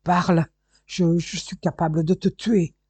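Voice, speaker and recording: A reader doing a hoarse furious old merchant. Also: medium pitch, a little slow, warm tone, no echo, lightly acted. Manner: menacing, growling. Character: old gem-merchant father, gruff and furious.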